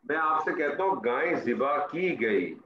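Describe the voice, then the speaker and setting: A man teaching Arabic grammar over a call, his voice pitched high and patient as he repeats each example. The audio is dull and roomy. A faint noise runs underneath. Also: expressive. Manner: patient, drills students with repeated example sentences. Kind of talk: online class teaching. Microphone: online call audio.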